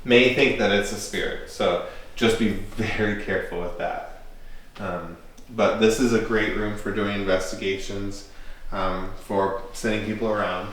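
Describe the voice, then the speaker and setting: Lower-pitched man guiding in an echoey room. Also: steady tone, a little slow, fairly bright tone. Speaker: castle tour guide. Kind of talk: informal explanatory guided tour. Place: large indoor castle rooms. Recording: echoey room with faint noise.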